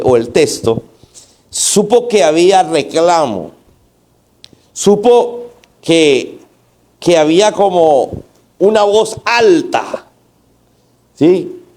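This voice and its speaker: A man's voice: on the high side, lively intonation, slow, long pauses, darkish tone. A man preaching a sermon in church, asking the congregation to repeat after him and posing rhetorical questions. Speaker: pastor.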